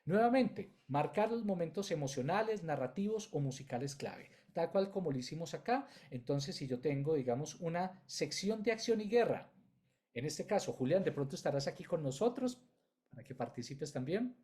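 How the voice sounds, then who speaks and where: A man's voice: on the high side, sing-song, normal speed, dark tone. A man teaching an online class on film music, explaining in loose, chained phrases and addressing his students directly.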